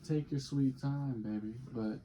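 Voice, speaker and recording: A man's voice: medium pitch, unhurried, dark tone. A man hosting a casual podcast chat, talking in a blunt, profane way. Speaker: podcast host. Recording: muffled, noisy recording.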